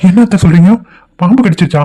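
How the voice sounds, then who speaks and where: A man voicing a young village husband who reassures his wife in quick words. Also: high-pitched, lightly acted. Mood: reassuring. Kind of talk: cartoon voice acting. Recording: faint music underneath.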